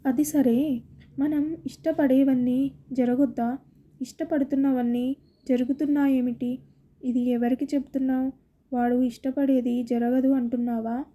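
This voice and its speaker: A man's voice: extremely high pitch, flat delivery, dark tone. A woman voicing a probing older father. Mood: questioning. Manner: probing, measured questions. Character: calm, questioning older father.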